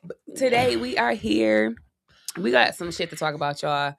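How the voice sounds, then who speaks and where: Gravelly teasing woman co-host. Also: mid-range voice, expressive, normal speed, dry recording, clean studio sound. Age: 30s. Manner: loud, playful, teasing, laughs often. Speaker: podcast co-host. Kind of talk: casual chat.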